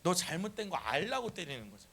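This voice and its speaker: A man's voice: high-pitched, fairly quick. A man preaching a sermon as pastor, calling on the congregation to answer and repeat after him. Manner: animated, calls for congregation responses. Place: church sanctuary.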